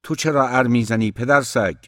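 A man's voice: fairly low pitch, fairly even intonation, dry recording, clean studio sound, lightly acted. A man voicing a stern, hot-tempered middle-aged father who scolds his sons angrily in a storybook reading. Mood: angry scolding. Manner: angry, scolding.

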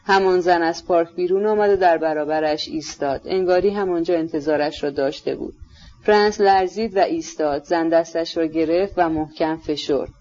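Steady audiobook narrator, lo-fi. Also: medium pitch. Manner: steady, measured literary reading. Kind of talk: scripted novel narration. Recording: slightly dull lo-fi recording.

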